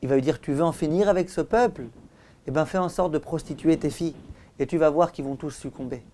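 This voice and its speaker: A man gives a Torah lesson as a rabbi, talking a little fast in a voice on the high side. He's didactic and emphatic, relying on rhetorical questions and repetition, with phrase endings that drop softly.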